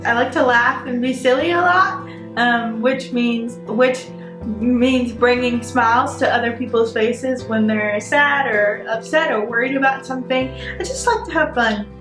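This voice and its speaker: Chatty woman in her twenties, bright and high, echoing room, guitar under her. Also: measured pace. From North Carolina, US. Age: 20s. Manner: chatty, open, fond of fillers. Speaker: interviewee. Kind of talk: personal interview. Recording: roomy room with soft guitar.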